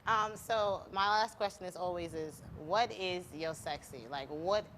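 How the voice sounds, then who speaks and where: A woman's voice: fairly low pitch, measured pace, a bit bright, a little hiss or hum. A woman hosting a show, chatting in a casual, upbeat way and laughing easily. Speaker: show host. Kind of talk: casual interview chat.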